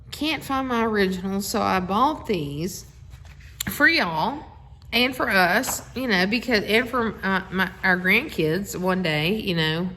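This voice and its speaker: Holding a phone, a middle-aged woman hosts a family social media video in a sharp, mid-range voice, gushing casually and wandering into asides before a bedtime story reading.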